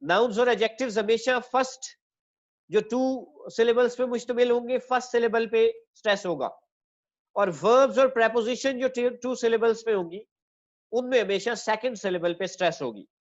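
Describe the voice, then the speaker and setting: A male English teacher explaining word stress, saying each example word again and again, slowly drawing out the stressed syllables, and calling his listeners children. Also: extremely high pitch, dull audio. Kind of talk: classroom-style lesson.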